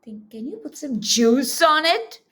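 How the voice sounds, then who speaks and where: A teacher reads a storybook aloud to young children, her high voice animated and a little slow. She fills the reading with exclamations, coaxing questions and repeated words.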